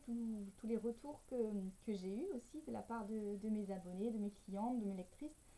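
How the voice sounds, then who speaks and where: A French personal development coach and writer talks through a casual personal vlog, her fairly high voice dark in tone. She's hesitant and stumbles over her words, laughing now and then, and the sound quality is poor.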